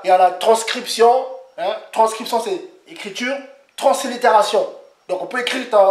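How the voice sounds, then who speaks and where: A man giving an informal, rambling sermon, repeating himself with animated asides. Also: high voice, echoey room. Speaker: preacher.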